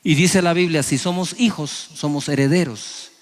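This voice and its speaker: High-voiced man preaching a sermon. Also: moderate pace. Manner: dramatic preaching, acting out praying people in raised voices. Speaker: pastor.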